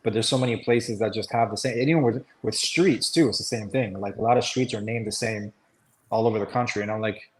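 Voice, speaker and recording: A man's voice: fairly low pitch, brisk, rough recording. A man talking in a loose, rambling way on a casual call, with many fillers and restarts. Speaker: webinar host. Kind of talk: casual chat.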